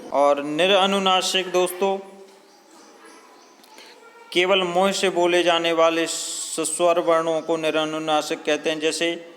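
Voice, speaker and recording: A man teaching a grammar lesson, explaining slowly with many fillers and drawing out example words. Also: on the high side, flat delivery, fairly bright tone. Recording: long hall reverb, faint ambient noise.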